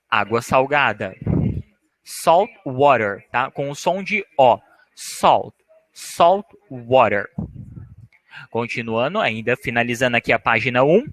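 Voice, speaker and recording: Slow bright-voiced male English teacher. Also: mid-range voice, no echo, low-quality recording. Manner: slow, repeating each word and its meaning. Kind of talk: language lesson for Portuguese speakers.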